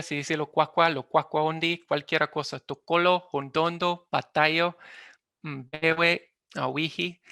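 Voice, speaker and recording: Halting man with a gravelly, bright voice. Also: a little high, dry recording, clean studio sound. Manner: halting, often searches for words. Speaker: linguistics presenter. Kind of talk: academic presentation.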